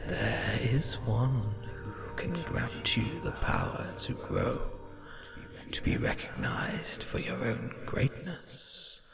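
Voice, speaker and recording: A game master voicing a menacing, tempting otherworldly spirit in a ghostly, drawn-out whisper, as whispered role-play. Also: mid-range voice, lively intonation, gravelly, music in the background, voice pushed down. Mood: seductive, eerie.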